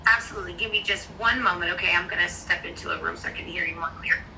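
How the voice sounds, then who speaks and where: A woman real estate agent chats and explains at length in a casual phone conversation, her fairly low voice fast, pushed and bright. Bad cell service makes her sound like she's on a distant phone line with faint noise.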